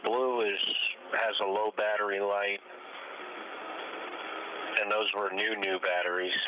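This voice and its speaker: A man's voice: lowish voice, level tone, slow pace. A male astronaut giving clipped, methodical equipment status reports over a space-to-ground radio link. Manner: clipped, methodical, matter-of-fact. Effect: space-to-ground radio downlink. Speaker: astronaut aboard the space station. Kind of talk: terse technical status reports. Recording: muffled radio link, faint hiss.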